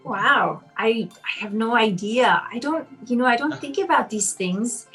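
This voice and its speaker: A woman's voice: on the high side, unhurried, a bit bright, poor audio. A woman in her thirties who grew up in Austria, a piano teacher answering children's interview questions in a chatty, encouraging way with many ums and you-knows. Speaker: piano teacher and competition judge.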